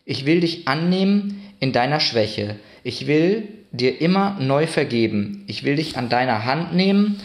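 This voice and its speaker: A gentle young Christ child from a Christmas story speaks with patience and kindness, put on by a man reading aloud. The voice sits noticeably above his own reading voice. Each line comes out softly, as a question or a promise. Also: a little high, very animated, measured pace, few pauses, pitched above the performer's own voice. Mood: tender.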